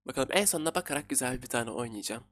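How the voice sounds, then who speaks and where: A man in his twenties giving excitable, casual commentary while playing a game, talking to his viewers. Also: mid-range voice, rapid-fire, slight background noise. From Turkey. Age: 20s. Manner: excitable, talks to viewers while playing, frequent laughs and repeated words. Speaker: gaming YouTuber.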